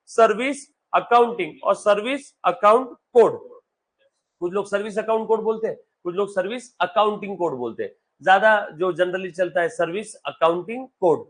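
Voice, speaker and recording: A male accountancy teacher giving a live classroom lecture. He reads English text slowly, explains it in Hindi, and keeps quizzing his students, calling them "beta". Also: sits high, lively intonation.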